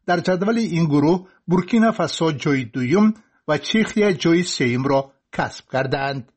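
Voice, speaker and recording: Husky male newsreader. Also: on the high side. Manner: formal, measured delivery. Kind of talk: scripted sports news reading.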